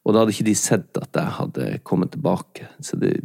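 A man from Norway co-hosting a podcast, telling a long confessional story in a halting, rambling way with lots of restarts. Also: deep voice, expressive, creaky, darkish tone. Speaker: podcast co-host. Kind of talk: casual confessional chat.

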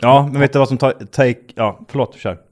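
A man's voice: mid-range voice, steady tone, a little mellow. A man co-hosting a casual comedy podcast, teasing his friend and joking around. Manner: teasing, playful, counts in and interrupts. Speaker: podcast co-host.

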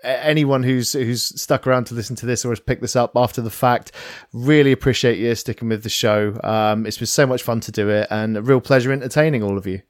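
A man's voice: medium pitch, steady tone, a little fast, no echo, studio quality. A man who works as a voice actor, chatting casually on a podcast in a self-deprecating way, often stammering and restarting.

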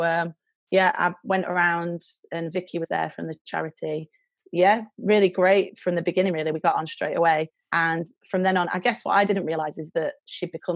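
A young British-accented woman, a charity worker, chats casually as a podcast guest about her own experiences. Her voice sits low and gravelly, with no room sound.

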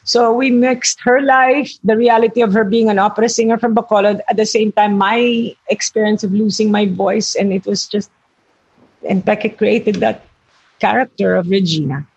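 An older actress from the Philippines reflects earnestly on her craft in an interview, searching for words and correcting herself mid-thought. Her mid-range voice is steady, moderately paced, a little mellow and slightly rough, and the recording is muffled.

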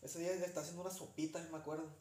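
Young mexican guy, slangy and lively, voice on the high side, roomy room with some hiss. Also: rapid-fire. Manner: slangy, animated, acts out quoted voices. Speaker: podcast co-host. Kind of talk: casual storytelling chat. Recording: roomy, faint background noise.

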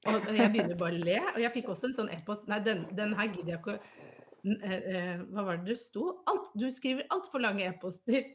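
A woman chatting casually as a podcast co-host. She tells anecdotes and breaks into laughter often, with a relaxed conversational flow. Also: mid-range voice, slight background noise. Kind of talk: casual chat.

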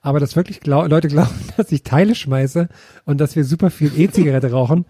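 A man's voice: fairly high pitch, fairly quick, dark tone, slightly rough, no echo, clean studio sound. A man co-hosting a podcast, chatting casually and telling amused stories. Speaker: podcast co-host. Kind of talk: casual comedic banter.

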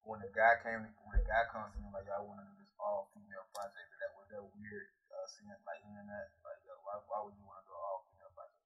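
A man hosting an interview, asking questions in a quick, joking, casual way. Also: on the low side, expressive, breathy edge, lo-fi sound. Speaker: podcast host.

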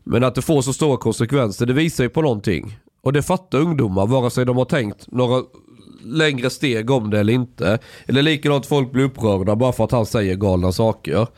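A man's voice: mid-range voice, darkish tone, no room sound, studio quality. A man on a podcast, chatting casually, jumping in and arguing his point at length. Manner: opinionated, interjects and argues a point. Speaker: podcast host. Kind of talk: casual chat.

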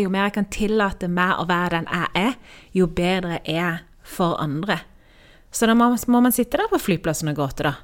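A woman from Norway co-hosting a podcast, telling personal stories in a candid, animated way. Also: lowish voice. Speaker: podcast co-host. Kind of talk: casual podcast conversation.

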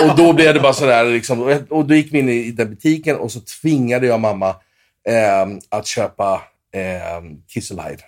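Swedish male guitarist guest, fifties, eager rambling storyteller, middle pitch. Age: 50s. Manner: animated storyteller with many restarts and fillers. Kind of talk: storytelling interview.

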